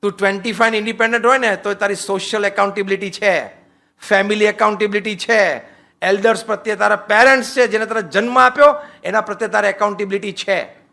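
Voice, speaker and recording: A man's voice: high-pitched, fairly even intonation, fast talker, gravelly, sharp tone. A man, a monk, giving a humorous sermon, asking the audience rhetorical questions and mixing in English phrases.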